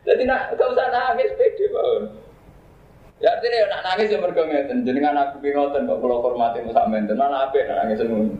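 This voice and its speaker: In a medium-pitched, animated, brisk voice, a Javanese-accented man delivers a relaxed religious talk as an Islamic preacher. He recites Arabic verses and frequently jokes and laughs, all captured in a roomy, dull, lo-fi recording.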